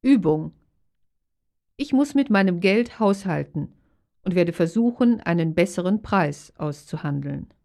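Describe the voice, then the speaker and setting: Low, creaky female lesson reader. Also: animated, measured pace, darkish tone. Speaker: language course narrator. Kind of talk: scripted lesson reading.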